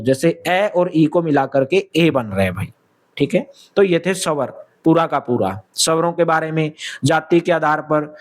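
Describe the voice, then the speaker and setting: A young man with a Haryanvi Hindi accent teaching an exam-prep lesson, asking questions and answering them himself and calling his students "bhai". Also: fairly high pitch. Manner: explains step by step, asks questions and answers them, calls listeners "bhai".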